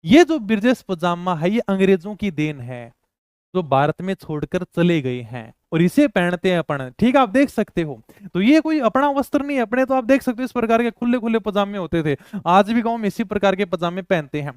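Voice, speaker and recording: A man's voice: high-pitched, lively intonation, moderate pace, clean tone, dry recording, studio quality. A male teacher giving an exam-prep lecture. He repeats each term several times and asks and answers his own questions.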